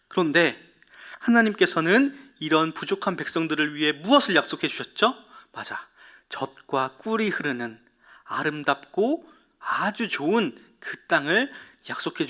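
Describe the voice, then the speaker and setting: A man preaching to children in a fairly high, bright and forceful voice. He tells the story like a storyteller, asks the young listeners questions and answers them himself. At dramatic moments he sinks into a hushed whisper. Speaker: Sunday school preacher.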